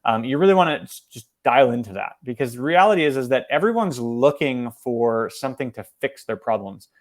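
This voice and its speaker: A man presenting a marketing lesson, talking fast and conversationally, with many fillers and restarts. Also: mid-range voice, animated. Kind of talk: webinar presentation.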